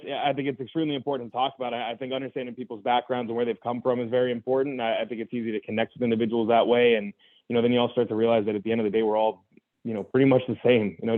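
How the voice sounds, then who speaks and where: Over a tinny, phone-like line with a dry sound, a young adult man speaks in a mid-range voice. He's a guest candidly telling his own story in conversation, earnest and reflective, restarting often and saying "you know" a lot.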